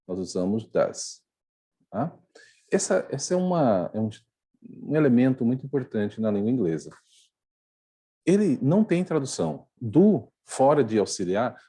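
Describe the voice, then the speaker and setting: A man's voice: lowish voice, mellow, breathy edge. A Brazilian man teaching English grammar online in a Brazilian Portuguese accent, explaining step by step and often checking in with his students.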